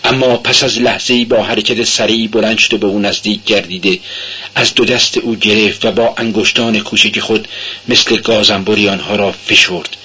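A man giving a dramatic literary reading, measured and intense. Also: lowish voice, steady tone, pushed and bright, husky, low-quality recording. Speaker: narrator.

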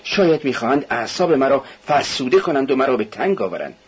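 A man's voice: mid-range voice, big pitch swings, slightly rough. A man voicing a feverish, suspicious young man under questioning, talking tensely and bitterly, brooding half to himself. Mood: anxious brooding. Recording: dull lo-fi radio recording.

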